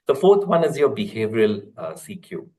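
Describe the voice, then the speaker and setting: A man, a corporate trainer explaining a lesson in a webinar, steady and explanatory with frequent fillers and restarts. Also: on the low side, brisk, poor audio.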